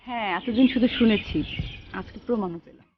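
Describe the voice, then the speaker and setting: A woman's voice: medium pitch, brisk, noisy background, lightly acted. A woman acting in a TV comedy drama who talks in a gushing, flirty way, with many breathless exclamations. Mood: pleased. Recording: dull lo-fi TV audio with music.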